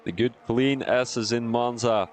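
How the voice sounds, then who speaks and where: Calling a sim racing stream live, this excitable young man with a Belgian accent chats, laughs, and rambles between calls. He has a medium pitch and an unhurried delivery.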